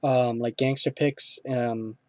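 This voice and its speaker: A man's voice: mid-range voice, steady tone, slow, a little mellow, no room sound. A man hosting a casual film review, rambling with lots of fillers and restarts.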